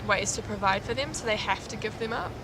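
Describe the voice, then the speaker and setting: A woman's voice: mid-range voice, quick pace. A young woman with a New Zealand accent, a volunteer talking earnestly and chattily to camera, often saying "like.". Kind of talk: casual talk to camera. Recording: loud noise behind the voice.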